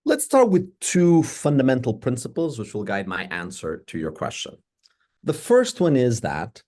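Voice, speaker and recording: A middle-aged man from Portugal, an economics professor, explaining in a measured, lecturing way with rhetorical questions. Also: medium pitch, dark tone.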